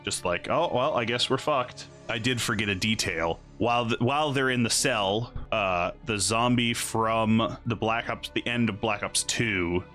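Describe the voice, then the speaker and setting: A drunk man casually explaining game lore to friends, halting, swearing and losing his thread. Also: fairly low pitch, bright, forceful tone. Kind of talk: casual, rambling storytelling among friends.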